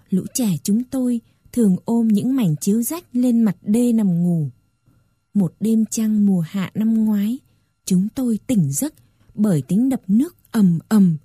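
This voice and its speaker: A woman narrating a story in a soft, even, scripted reading. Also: mid-range voice, slightly rough, dry recording, studio quality.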